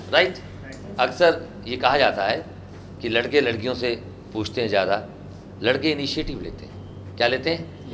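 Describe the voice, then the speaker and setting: Indian guy teaching english to a class, keeps asking them to repeat, noisy room. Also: medium pitch. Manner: quizzes the class and drills repetition. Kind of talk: classroom language lesson. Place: classroom with students.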